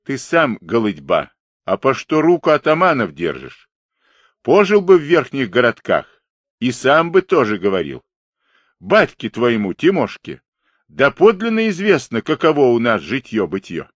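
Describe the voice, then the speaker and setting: A man's voice: medium pitch, wildly swooping pitch, unhurried, no echo, voice pushed up. A man voicing a big, pockmarked, rebellious Cossack who rants with grievance. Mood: angry shouting. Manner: ranting, aggrieved.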